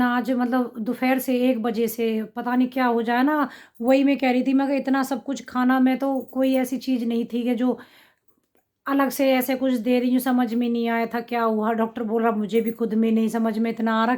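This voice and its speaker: A woman's voice: on the high side, flat delivery, normal speed, a little mellow. A middle-aged woman with a slight cough, chatting to her viewers in a rambling account of her family's day. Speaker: family vlogger. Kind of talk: casual vlog talk to camera.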